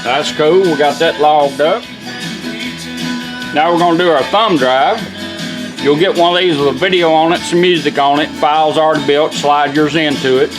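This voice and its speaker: Speaking at a moderate pace with fairly even intonation, a man whose voice sits on the high side gives a hands-on product demo while a car radio plays music. He restores car radios and talks in a relaxed, down-to-earth, folksy manner.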